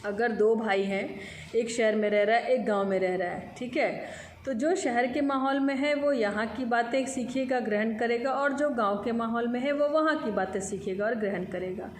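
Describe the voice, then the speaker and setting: A woman Hindi teacher speaking slowly and clearly to children in an online class from home. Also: fairly high pitch. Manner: slow, clear, patient teacher talk to children. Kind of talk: online class lesson with story reading. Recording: echoey room, faint background noise.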